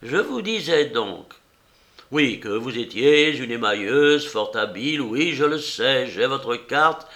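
A man's voice: mid-range voice, expressive, slow pace, pitched above the performer's own voice. A man doing a hot-tempered young painter. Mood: exasperated. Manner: exasperated, loud, pressing.

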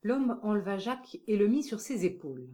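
A woman narrating a classic novel for an audiobook. Her voice is mellow and warm, at an everyday pitch. She tells the story in a calm, measured way.

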